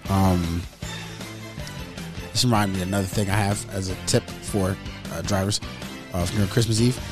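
A man's voice: sits low, moderate pace, over music. A young man, co-hosting a podcast, talking sports in casual chat with swearing and acted-out quotes. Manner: animated, profane, acts out quotes in raised voice. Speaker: podcast co-host.

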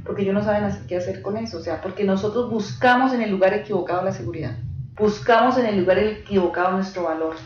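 Speaking fast at medium pitch, a woman gives an earnest, direct teaching talk to a small live group. She draws on stories from pastoral cases and checks in with listeners often. The room is echoey, and the lo-fi recording sounds dull with faint hiss.

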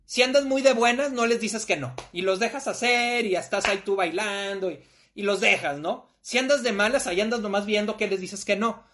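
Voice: mid-range voice, brisk, a bit bright. A podcast host with a Mexican Spanish accent, talking casually and emphatically, full of slang, sometimes acting out little scenes.

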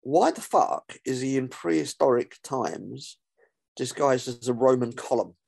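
A man as a guest on a casual podcast, chatty and quick to correct, swearing freely. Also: mid-range voice, creaky, darkish tone, husky.

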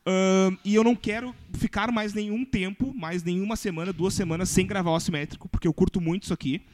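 A young man from hosting a podcast, telling stories in a relaxed, slangy way. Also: high-pitched, quick pace. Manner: relaxed, storytelling, informal slang. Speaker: podcast host. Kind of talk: casual podcast chat.

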